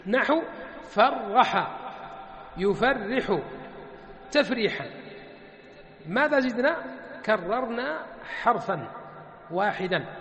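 A male teacher with a very high voice gives a grammar lesson in a hall with long reverb. He keeps putting questions to his students and answering them himself. He stretches out the word forms slowly as he works through them. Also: a bit bright. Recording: echoey hall.

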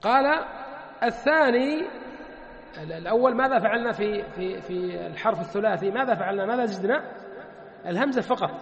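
A male teacher with a very high voice gives a grammar lesson in a hall with long reverb. He keeps putting questions to his students and answering them himself. He stretches out the word forms slowly as he works through them. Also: expressive, a crowd in the background. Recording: echoey hall.

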